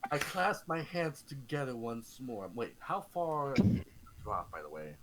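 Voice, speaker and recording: A man's voice: mid-range voice, big pitch swings, measured pace, crowd noise, poor audio. A man talking casually as a player in a tabletop role-playing game, slipping in and out of character.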